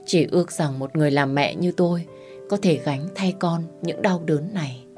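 Low-voiced woman narrating a story. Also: normal speed, a little mellow, faint music behind. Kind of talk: first-person audio story narration.

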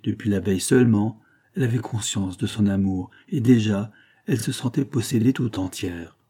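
A man reading a nineteenth-century novel aloud, in measured literary narration. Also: fairly low pitch, warm tone, husky. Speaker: audiobook reader.

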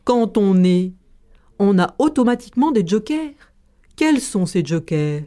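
An idealistic old schoolteacher who likes playful ideas, put on by a woman storyteller. He talks in a calm, reasoning way, with a mellow tone and a pitch that sits mid-range. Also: measured pace, lightly acted. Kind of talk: storytelling performance.

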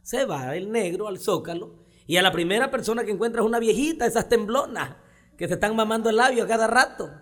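A man with a Mexican accent telling earthy jokes, laughing loudly at his own punchlines. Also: high voice, animated, fast talker, long reverb tail. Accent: Mexican Spanish. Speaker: comedian. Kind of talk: joke telling.

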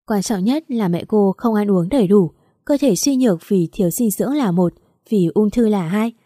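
A woman's voice: medium pitch, lively intonation, normal speed, warm tone, no room sound, clean studio sound, close to an everyday voice. A woman voicing a blunt male doctor. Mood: matter-of-fact. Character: middle-aged male doctor, blunt and matter-of-fact.

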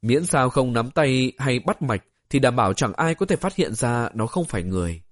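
A man narrating an audiobook story in a steady, even storytelling way. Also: mid-range voice, normal speed, no echo, studio quality.

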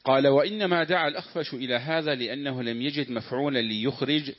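A man reading a classical text aloud in a lesson, at a measured pace with pauses for the teacher's remarks. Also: medium pitch. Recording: dull lo-fi lesson recording.

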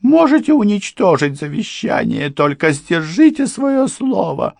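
A man reading an audiobook and voicing a frightened middle-aged woman housekeeper with a high, shrill, tearful voice. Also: sing-song, unhurried, gravelly, a little mellow, no echo, clean studio sound, exaggerated voice. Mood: tearful pleading.

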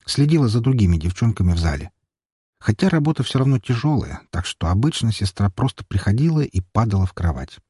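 A man's voice: fairly low pitch, sing-song, brisk, mellow, slightly rough, no room sound, studio quality. A man reading a first-person audiobook in a wry, sardonic storytelling manner. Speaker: audiobook narrator.

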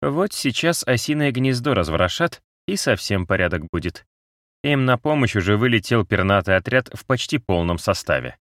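A man's voice: fairly low pitch, sing-song, moderate pace, a bit bright, no room sound, clean studio sound, voice pushed up. A man reading an audiobook, voicing a harsh, cold-spoken male talking cat with a curt, biting manner. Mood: scornful. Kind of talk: audiobook character voice.

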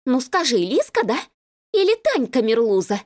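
High, shrill, jealous young woman, rapid and accusing, voice jumping all over, put on by a woman. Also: very animated, darkish tone.

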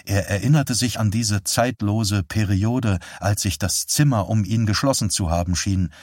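A man reading an audiobook as narrator, in a measured, solemn way. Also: on the low side, darkish tone, dry recording, clean studio sound.

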